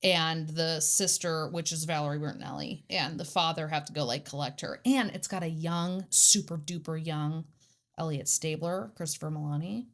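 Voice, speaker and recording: A woman with a fairly low voice trades quick reactions on a true-crime podcast. She talks animatedly and swears casually. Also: a bit bright. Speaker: podcast co-host.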